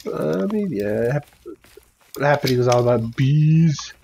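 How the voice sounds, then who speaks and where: A man's voice: mid-range voice, animated, unhurried, gravelly, warm tone, a little hiss or hum. A man chatting casually with friends over voice chat while gaming, swearing freely. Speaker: gamer playing with friends.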